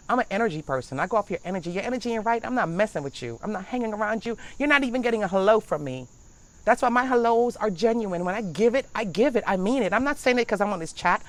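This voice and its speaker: A woman's voice: medium pitch, lively intonation, fast. A middle-aged woman hosting a casual motivational chat outdoors in a backyard, talking in a blunt, emphatic, preachy way. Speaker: livestream host.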